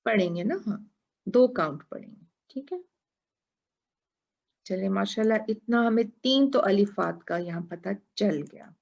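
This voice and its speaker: A woman teaching a tajweed lesson who explains patiently, asks her students questions and chants Quran verses in a drawn-out style. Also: mid-range voice, lively intonation, gravelly, darkish tone, lo-fi sound.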